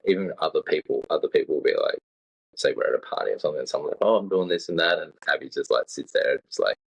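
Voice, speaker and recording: A man's voice: extremely low pitch, racing, gravelly, slightly rough. A young man, chatting casually on a podcast, rambling and swearing as he acts out what others said. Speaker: podcast co-host. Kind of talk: casual chat. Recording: dull lo-fi sound.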